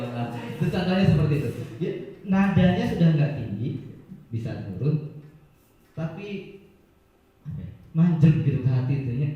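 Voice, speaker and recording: Man teaching in a very echoey room. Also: on the high side. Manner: explains step by step, acts out short scenes, chuckles often. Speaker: teacher leading a training session. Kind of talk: workshop presentation to fellow teachers. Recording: very echoey room, dull lo-fi sound.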